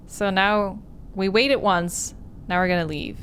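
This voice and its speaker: A woman streaming a visual novel playthrough reads and comments on it with expressive storytelling flair. She speaks a little slowly in a mid-range voice, and there's a little hiss or hum.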